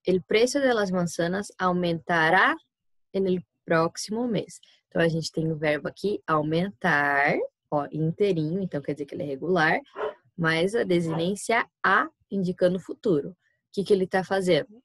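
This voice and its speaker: A woman's voice: on the low side, no echo. A woman with a Brazilian Portuguese accent, a Spanish teacher giving a recorded online class, patiently explaining step by step and often checking in with her students.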